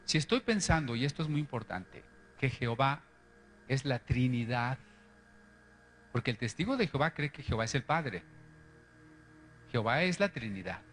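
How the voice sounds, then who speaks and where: A man's voice: medium pitch, animated, normal speed, pauses often, a bit bright, soft background music. A man lecturing on the history of Bible translations, explaining step by step and often checking in with his listeners.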